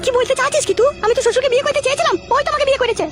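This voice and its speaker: A woman voicing village women in a comedy cartoon, shrill, scolding and lamenting. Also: very fast, fairly bright tone, faint music behind.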